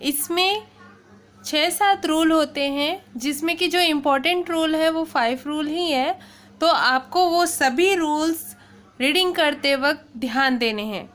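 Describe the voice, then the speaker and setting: A woman's voice: sits high, a bit bright. A woman teaching pronunciation to children, spelling words out letter by letter and often checking in with "okay". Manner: addresses listeners as children; slow, careful explaining. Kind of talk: classroom-style lesson.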